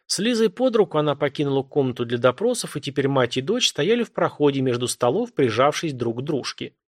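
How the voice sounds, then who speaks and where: A man narrating an audiobook with measured, dramatic storytelling. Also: mid-range voice, sing-song, no echo, clean studio sound. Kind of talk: scripted narration.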